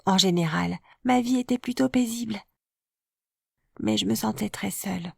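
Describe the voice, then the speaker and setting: A woman of middle pitch tells a first-person story in a steady, scripted narration. Her voice is close to the mic and completely dry, with no room around it. The delivery stays even and measured, like a storybook reading. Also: gravelly, husky, no echo. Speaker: narrator of an animated life story.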